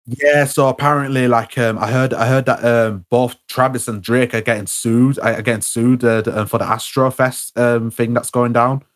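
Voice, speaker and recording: A young man, talking casually about music with a friend. He stumbles, restarts and repeats words often, padding his speech with fillers. His voice sits at an ordinary middle pitch. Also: steady tone, normal speed, few pauses.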